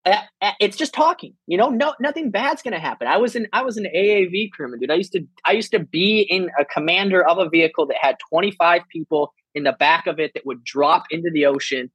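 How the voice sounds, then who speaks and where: A man's voice: high voice, fast talker, few pauses, fairly bright tone, slightly rough, no room sound, lo-fi sound. A man in his twenties, a comedian and military veteran, talking casually and rambling with many restarts and free swearing. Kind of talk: casual podcast conversation.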